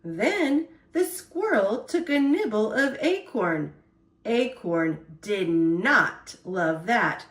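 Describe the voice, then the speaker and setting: Her mid-range voice carries through a roomy space as this woman reads a children's picture book aloud. She tells the story with deliberate expression.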